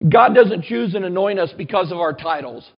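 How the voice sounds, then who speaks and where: Higher-voiced male pastor preaching earnestly. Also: animated, gravelly, dull audio. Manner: earnest preaching, slowing on key points. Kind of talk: sermon.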